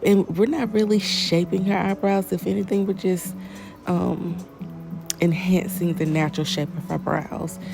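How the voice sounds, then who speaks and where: A woman with a Southern American accent, congested from allergies, talking viewers through her waxing work in a relaxed, folksy voice-over. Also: fairly low pitch, vocal fry. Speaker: esthetician. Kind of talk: tutorial voice-over.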